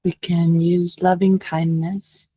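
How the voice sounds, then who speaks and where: A woman teaches a guided meditation, speaking gently and unhurriedly with long pauses. Her voice is lowish and husky, and her delivery is flat.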